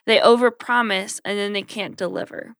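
A woman's voice: medium pitch, normal speed, fairly bright tone, no room sound, studio quality. A woman hosting a podcast, talking in a casual, conversational way to her listeners. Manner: conversational, voices imagined quotes. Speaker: podcast host. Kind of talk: casual solo podcast talk.

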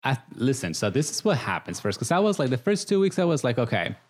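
A reality show contestant from Guatemala, speaking with a Guatemalan Spanish accent, talks earnestly and emotionally in a casual interview and laughs often. His mid-range voice is very animated, and he talks fast.

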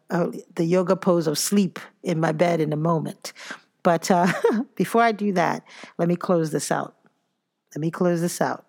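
A woman from Nigeria hosting a solo podcast, earnest and reflective, with a gravelly, fry-edged voice pitched on the low side. She sounds tired after exercise and turns to self-mocking storytelling between her points. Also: darkish tone. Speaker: podcast host. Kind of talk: casual solo podcast monologue.

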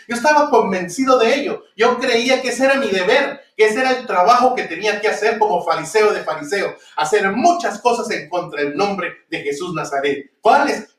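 A man's voice: high voice, fairly bright tone. A man preaching a sermon, speaking emphatically and asking rhetorical questions that he answers himself. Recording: echoey room from far off.

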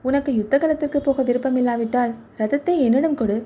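A woman's voice: high voice, a little fast, dark tone, breathy edge. A woman reading the part of a mischievous male bystander with a mocking manner.

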